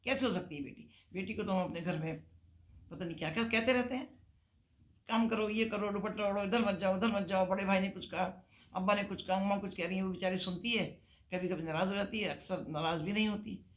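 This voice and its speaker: A woman's voice: mid-range voice, quick pace. An older woman giving earnest, emphatic marriage advice on a talk show.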